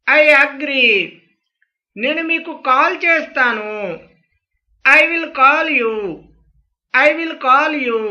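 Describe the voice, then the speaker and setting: Slow, bright voice drilling short phrases. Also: high-pitched, muffled recording. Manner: says each English phrase twice, slowly and clearly. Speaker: spoken English teacher.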